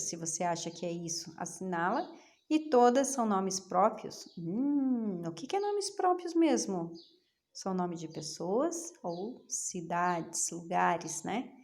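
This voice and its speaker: A middle-aged woman teacher from Brazil, patiently explaining homework to young pupils and asking them questions to coax answers. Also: mid-range voice. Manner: patient, coaxing, asks rhetorical questions. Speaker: schoolteacher.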